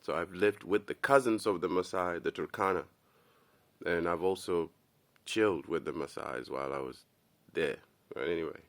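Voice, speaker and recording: Laid-back low-voiced man calling everyone bro. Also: fairly bright tone. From Kenya. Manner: loose and rambling, says "bro" often. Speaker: commentary video host. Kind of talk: casual monologue.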